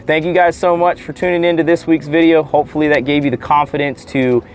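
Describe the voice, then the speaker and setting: A man's voice: on the high side, quick pace. A man in his thirties, the channel host, casually explaining a boat install outdoors to his viewers. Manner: upbeat, relaxed explaining to viewers. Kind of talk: casual how-to vlog. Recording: faint music underneath.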